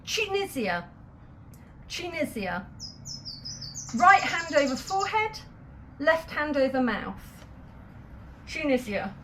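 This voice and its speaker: A woman gives a patient, step-by-step sign language lesson, pausing to add small asides. Her pace is slow and deliberate. A faint hiss of noise sits under the recording. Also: sits high, sing-song. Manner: patient, step-by-step explanations with light laughs. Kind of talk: instructional video lesson.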